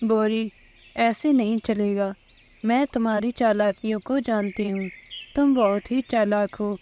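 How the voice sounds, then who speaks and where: A woman's voice: mid-range voice, fairly even intonation, dark tone, muffled recording, a little hiss or hum, close to an everyday voice. A woman voicing a bossy female sparrow who scolds her friend and orders her out. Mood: scolding. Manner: scolding, harsh.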